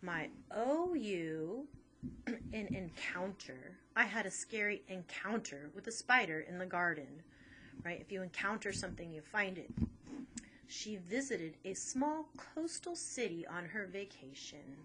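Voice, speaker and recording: A woman's voice: mid-range voice, animated, measured pace, sharp tone, a little hiss or hum. A woman teacher patiently walking through a phonics lesson step by step.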